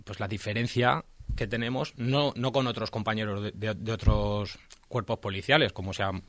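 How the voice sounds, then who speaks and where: Guy in a radio studio, calm explaining, lots of ums, dry sound. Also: on the low side, dry recording. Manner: measured, explanatory, with frequent fillers. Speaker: police officer guest. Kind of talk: radio interview answers.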